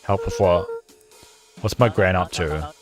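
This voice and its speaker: A wary boy questioning a grown-up in a story game, read out by a man in his own voice. He sounds doubtful, in a very low, slow voice. Game music plays clearly behind. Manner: doubtful, reading lines aloud.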